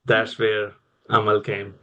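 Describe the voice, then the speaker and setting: A man's voice: on the low side, completely flat delivery, takes it slowly, sharp tone, lo-fi sound. A young man with a Pakistani accent, telling his personal story as an interview guest. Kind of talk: personal career storytelling in conversation.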